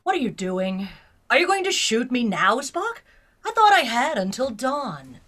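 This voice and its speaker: A woman playing a composed, bold starship captain in an audio drama, speaking in a measured, firm, understated way. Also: a little high, sing-song, a bit bright, exaggerated voice. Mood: defiant. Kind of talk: gender-swapped science fiction audio drama acting.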